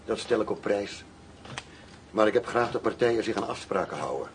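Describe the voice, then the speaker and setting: In a noisy radio drama with a vehicle rumbling underneath, a man plays an undercover agent posing as an arms buyer. His near-everyday voice has lively intonation and moderate pace, and he comes across cool, defiant, curt and commanding, never rattled.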